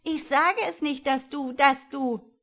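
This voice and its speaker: A woman voicing a cheeky little girl who teases her brother in shrill tones. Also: very animated, normal speed. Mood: gleeful taunting. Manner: shrill, teasing. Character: little girl, cheeky teasing youngest sister.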